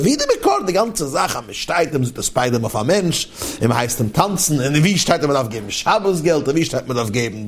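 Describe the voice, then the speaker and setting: Chanting man teaching Psalms. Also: a little high. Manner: chants verses then explains them in a lively singsong. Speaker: Torah teacher. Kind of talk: Yiddish-style Torah lesson on Psalms.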